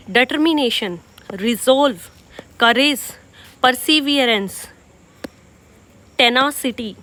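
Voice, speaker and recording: A young woman with a high voice gives an exam-prep vocabulary lesson. She explains each word patiently and keeps checking in with her students. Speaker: English vocabulary teacher.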